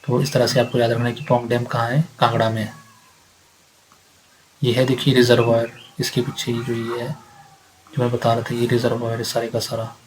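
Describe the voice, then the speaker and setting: A man's voice: medium pitch, completely flat delivery, a little fast, pauses often, a little hiss or hum, low-quality recording. A man teaching exam facts in a lecture, asking himself questions and answering them, repeating key points. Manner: repeats facts, asks and answers himself, mixes English readings. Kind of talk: explanatory lecture.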